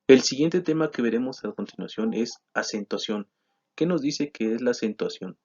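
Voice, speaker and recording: A man's voice: mid-range voice, animated, normal speed, darkish tone, breathy edge. A man teaching a grammar lesson, explaining from slides with frequent "eh" and self-corrections. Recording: slightly dull lo-fi sound.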